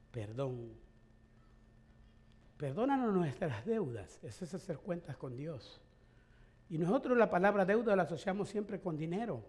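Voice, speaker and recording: A male pastor in middle age preaching a sermon in a conversational way, with rhetorical questions and light chuckles. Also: a little high.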